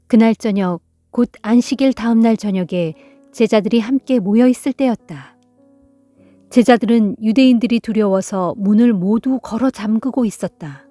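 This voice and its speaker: A woman calmly reading Bible passages aloud in an even, unhurried narration. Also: mid-range voice, dry recording. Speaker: Bible reader. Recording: soft music underneath.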